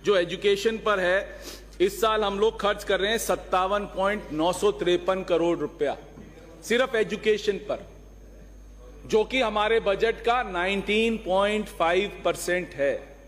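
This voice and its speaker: Male lawmaker, high voice, combative floor speech with rhetorical questions, long hall reverb. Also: a little slow, fairly bright tone. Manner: argumentative, rhetorical questions, mixes in English phrases. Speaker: legislator. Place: legislative assembly hall.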